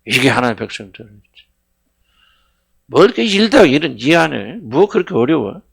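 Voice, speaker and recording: A middle-aged man preaching a sermon as senior pastor, fervent, swinging between loud cries and hushed words, questioning his congregation. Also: mid-range voice, big pitch swings, fairly quick, gravelly, husky. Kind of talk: sermon at a Friday prayer meeting.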